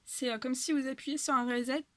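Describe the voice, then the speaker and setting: A woman's voice: sits high, fairly even intonation, fairly quick, no echo. A woman doing a tarot reading in a casual spiritual guidance monologue, talking hesitantly with many fillers and repetitions, her voice tired after long talking. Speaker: tarot reader.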